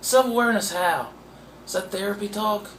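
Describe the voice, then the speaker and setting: A man's voice: high-pitched, moderate pace, fairly bright tone, a little hiss or hum. A man, an author being interviewed, talking in a meandering, profane and self-mocking way. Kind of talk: casual rambling interview talk. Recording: roomy echoey room.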